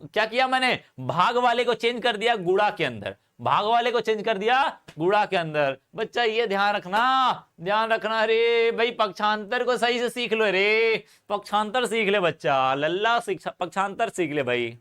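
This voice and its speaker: High-pitched chemistry teacher coaxing students. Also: male voice, animated, normal speed, hardly any pauses, a bit bright, clean tone. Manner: affectionate, repetitive coaxing of students. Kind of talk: online coaching class lecture.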